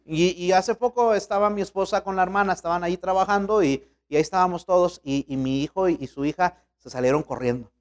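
A man's voice: high voice, fast talker, few pauses. A man, a pastor preaching a sermon in a colloquial, storytelling way.

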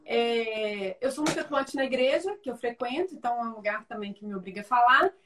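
Over music, a woman with a fairly high voice and lively intonation talks fairly quickly as a guest on a video-call interview. Her Brazilian Portuguese accent comes through in the casual chat, which is full of tag questions and restarts, and she's distant from the mic.

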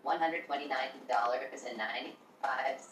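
A female text-to-speech robot voice reading product listings aloud in a flat, machine-like way. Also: extremely low pitch, moderate pace, a little hiss or hum. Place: room where a computer plays it aloud. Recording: roomy, distant playback from a device.

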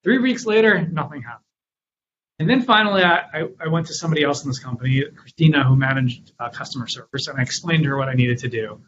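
Man, slightly high voice, muffled lo-fi sound, business storyteller. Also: quick pace, fairly bright tone, a little hiss or hum. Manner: storytelling, acts out his own past lines with rising energy. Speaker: guest, company founder and author. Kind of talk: interview answers.

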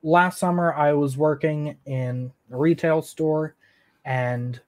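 A young engineering student answers interview questions in a relaxed, hesitant way, leaning heavily on fillers and laughing at himself. His voice sits on the high side, with a steady tone and a slow pace.

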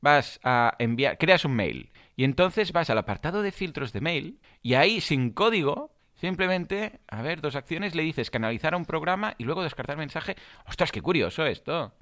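A man's voice: fairly high pitch, animated, moderate pace, fairly bright tone. A man from Spain, co-hosting a podcast in a jokey, playful chat. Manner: jokey, playful, repeats phrases. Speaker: podcast co-host.

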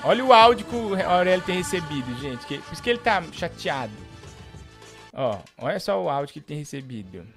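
A man hosting a live show, reading out shout-outs and teasing a caller in a playful way. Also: on the high side, big pitch swings, fast talker, over music. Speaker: host.

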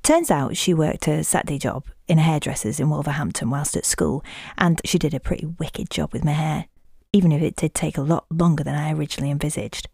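A woman's voice: deep voice, creaky, a little mellow, slightly rough, dry recording. A woman with a Yorkshire accent narrating a detective audio drama in a dry, self-mocking way.

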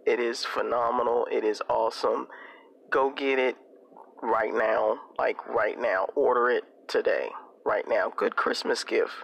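A man giving a casual promotional endorsement, emphatic and repetitive, with a gravelly voice. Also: medium pitch, steady tone, unhurried, a bit bright, no room sound. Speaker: guest giving a shout-out.

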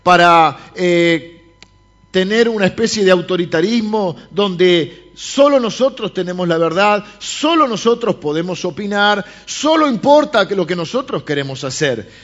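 Male pastor with a Rioplatense accent, higher voice, preaching to the congregation, dull recording. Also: measured pace. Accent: Rioplatense Spanish. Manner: lively, speaks directly to the congregation. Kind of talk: sermon. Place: church service.

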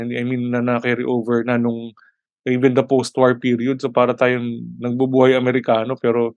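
A man chatting casually as a podcast co-host, halting often to search for words and mixing in English phrases. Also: medium pitch, no echo. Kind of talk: casual chat.

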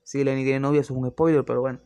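A man's voice: mid-range voice, flat delivery, rapid-fire, dark tone. A young man, reviewing series in casual, opinionated chat that rambles and restarts often.

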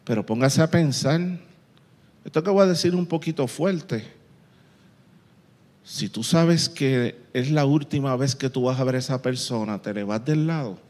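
A man preaching a sermon, telling a story with lively sound effects and quoted voices. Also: medium pitch, normal speed. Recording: long reverb in a large hall.

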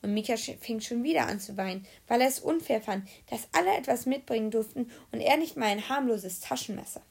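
Gravelly woman reading a children's story. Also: a little high, a little fast. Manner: lively, humorous read-aloud. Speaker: narrator.

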